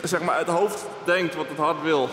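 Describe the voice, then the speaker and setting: A man's voice: fairly high pitch, fairly even intonation, moderate pace, background noise. A man, hosting a casual vlog with teasing, slangy banter and bits of English mixed in. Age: 20s. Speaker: vlog host. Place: large indoor trampoline park. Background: music.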